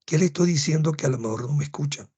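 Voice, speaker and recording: A man's voice: fairly high pitch, quick pace, warm tone, breathy edge. A man giving a reflective teaching talk to an audience, asking rhetorical questions and restarting his phrases as he goes.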